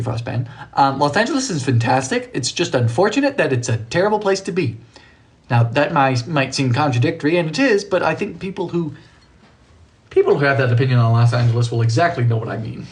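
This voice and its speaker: A man's voice: fairly high pitch, sing-song, fairly quick. A man hosting a live baking stream from his kitchen, chatting casually with viewers, playful and joking, laughing often. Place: home kitchen.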